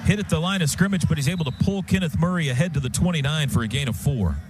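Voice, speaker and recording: Speaking quickly in a slightly high voice, this American man delivers clipped, present-tense football play-by-play live on radio. He works from a stadium booth, and the broadcast carries loud crowd sound and a noisy background.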